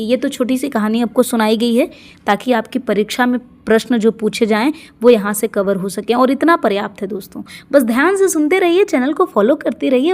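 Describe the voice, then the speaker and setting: A woman's voice: fairly high pitch, a little mellow. A woman teacher giving an exam-prep lesson, explaining terms one by one and asking questions she answers herself.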